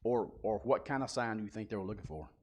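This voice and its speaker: A man's voice: lowish voice, quick pace. A man teaching a Bible class in a church building, talking informally and putting questions to the group.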